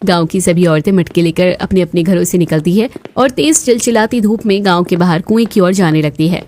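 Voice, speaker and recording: A woman's voice: on the low side, a little fast. Woman narrating a cartoon story. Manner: steady, clear storytelling.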